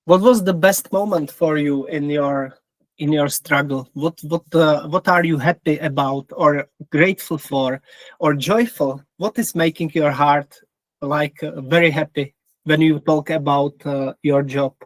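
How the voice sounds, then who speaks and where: Slow, polite podcast host man. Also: on the high side, no room sound. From Czech Republic. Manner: polite, slow and careful questioning. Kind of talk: remote interview.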